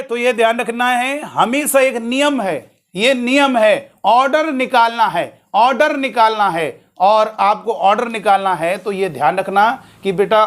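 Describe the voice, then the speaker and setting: A man delivers a classroom maths lecture in a fairly high voice. He repeats each rule several times and talks to his students warmly, calling them "beta". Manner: repeats key points, addresses students as beta; tells student anecdotes, acting out dialogue. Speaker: maths teacher.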